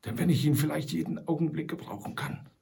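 A man voicing a calm, resolute male frontier hero who gives hushed, terse commands. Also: fairly high pitch, fast talker, vocal fry, voice pushed up. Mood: hushed, urgent.

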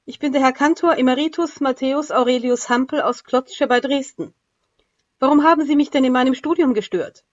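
A woman voicing a retired old church cantor, speaking high, loud and prim in a dull lo-fi recording. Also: a little fast, close to an everyday voice. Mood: indignant.

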